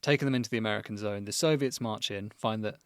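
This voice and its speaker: A man co-hosting a podcast, telling a history story in an animated way and laughing often. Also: fairly low pitch, fast, clear, resonant tone, dry recording, studio quality. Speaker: podcast co-host. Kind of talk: casual history chat.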